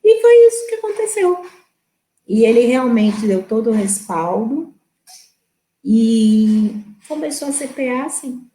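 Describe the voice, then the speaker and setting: A woman's voice: on the high side, sing-song, measured pace, warm tone. A woman, a guest in a live web interview, telling a story and acting out the people she quotes. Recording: roomy echo.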